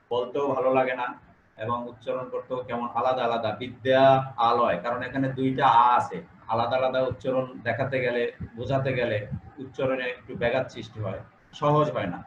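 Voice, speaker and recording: A male teacher gives an online class over a video call, explaining step by step, repeating key phrases and questioning his students. His mid-range voice sounds dull, with an echoey room and a bit of hiss or hum.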